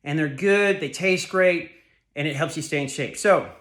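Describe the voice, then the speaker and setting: A slightly high-voiced man in his thirties talks through his meal prep in a home kitchen. He sounds a little out of breath from his workout. His delivery is easygoing and rambling, full of repeats and quick self-corrections. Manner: relaxed, repetitive, rambling with fillers and self-corrections. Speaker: fitness vlogger. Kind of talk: casual home cooking vlog.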